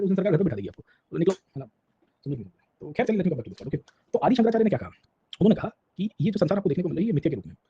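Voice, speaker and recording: Husky fast-talking male lecturer. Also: high voice, mellow, lo-fi sound. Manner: keeps checking in with the class with tag questions; mixes Hindi and English mid-sentence. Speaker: history lecturer. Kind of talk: Hinglish classroom lecture.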